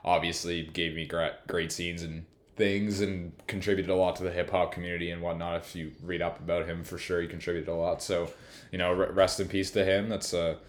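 A man's voice: low-pitched, little pitch movement, fairly quick. A man hosting a casual podcast, rambling through his thoughts with frequent restarts and fillers. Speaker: podcast host.

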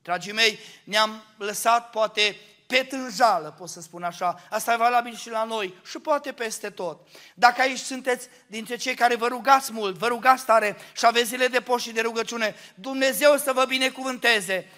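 A man preaching a fervent Pentecostal sermon as a guest preacher at a church service, swinging from hushed pleading to shouting. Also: very high-pitched.

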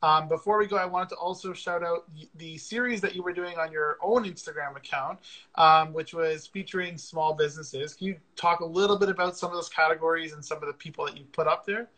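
A man's voice: a little high, steady tone, brisk, sharp tone, rough recording. A man hosting a casual livestream interview over a video call, upbeat and chatty with frequent fillers. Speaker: podcast host.

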